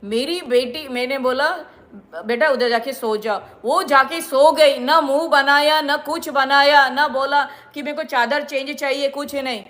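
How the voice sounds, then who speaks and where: A middle-aged woman with a high voice scolds her viewers in a long monologue. She sounds indignant and preachy and circles back to the same points again and again. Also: fairly even intonation, unhurried, fairly bright tone. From India. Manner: indignant, lecturing, repeats herself. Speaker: vlogger.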